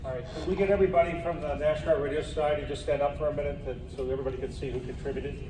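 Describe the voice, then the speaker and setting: A man's voice: on the high side, fairly even intonation, rapid-fire. A man working as an amateur radio operator, making live announcements at an event. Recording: noisy echoey room, distant mic.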